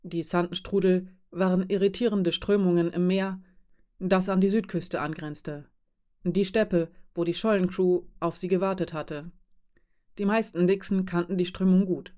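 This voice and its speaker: A woman's voice: lowish voice, darkish tone. Woman narrating a fantasy audiobook.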